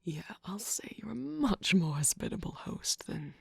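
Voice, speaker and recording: A performer voicing a sly, manipulative male cookie trickster in an ASMR roleplay, teasing and sarcastic, mostly in a soft whisper. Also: mid-range voice, big pitch swings, measured pace, vocal fry, breathy edge, dry recording, clean studio sound, full character voice.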